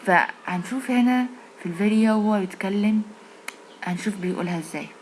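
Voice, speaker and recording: A woman with an Egyptian Arabic accent teaching English in a casual video lesson, repeating English phrases slowly to explain them. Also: medium pitch, a little hiss or hum, low-quality recording.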